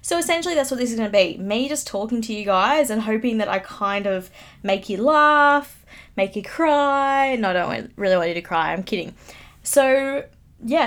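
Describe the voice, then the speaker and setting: Chatty young woman vlogger, self-mocking. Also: fairly high pitch. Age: late teens. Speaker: YouTuber. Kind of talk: casual solo podcast chat. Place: home room, upstairs. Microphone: studio microphone, close.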